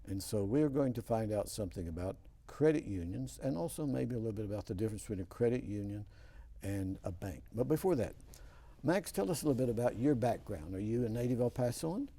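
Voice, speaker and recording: A man's voice: on the low side, animated, brisk, warm tone. A man hosting a TV interview show in a studio, telling homespun stories in a folksy way. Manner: folksy storytelling. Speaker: host.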